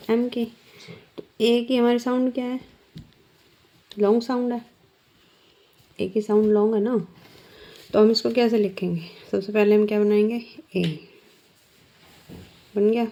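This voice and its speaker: A woman's voice: on the high side, fairly even intonation, dark tone. A woman teacher explaining shorthand step by step, patiently asking her students questions. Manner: slow, patient, asks the class questions. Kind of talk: step-by-step lesson. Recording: dull lo-fi sound.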